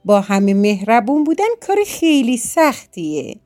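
A woman voicing a cheerful, gentle little bear cub in a children's storybook, speaking earnestly and with wonder. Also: mid-range voice, sing-song, natural voice.

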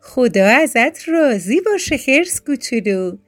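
Woman doing a storybook fawn, sweet, polite, high and light. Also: very animated. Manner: polite, grateful. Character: sweet polite baby deer.

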